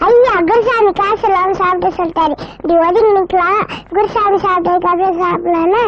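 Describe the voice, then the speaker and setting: An actress playing a kind woman who helps a poor pilgrim, speaking gently. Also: very high voice, steady tone, a little fast, background noise. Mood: coaxing. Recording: dull old film soundtrack. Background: film music.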